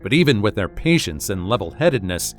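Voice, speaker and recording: A man's voice: on the low side, sing-song, a little fast, over loud music. A man reading a scripted narration with a wry, dramatic storytelling manner.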